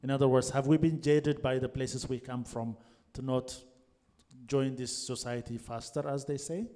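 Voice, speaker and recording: A man in his thirties, from Ethiopia, moderating a panel in a glass greenhouse venue through a handheld microphone. His voice is mellow and dark, and he builds long, measured, structured questions. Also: medium pitch, fairly even intonation. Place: glass greenhouse event space, seated on stage.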